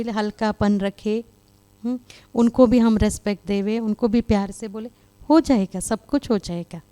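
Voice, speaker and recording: A woman's voice: a little high, darkish tone, clean tone. A woman spiritual speaker giving a conversational talk to a live audience, with many fillers. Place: meditation hall with live audience.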